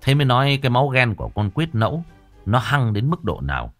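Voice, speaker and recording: A man narrating a comic ghost story in an animated, colloquial, earthy way. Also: mid-range voice, brisk, faint music behind.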